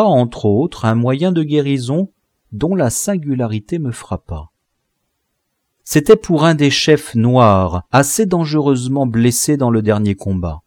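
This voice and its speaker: A man reading a classic novel aloud as an audiobook narrator, in a measured, expressive way. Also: medium pitch, no echo, clean studio sound. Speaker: audiobook reader.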